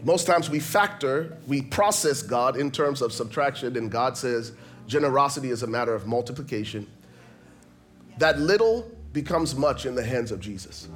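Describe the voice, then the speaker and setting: A man's voice: medium pitch, expressive, normal speed. A man from Liberia, preaching a sermon as pastor, emphatic and rhythmic, often repeating phrases.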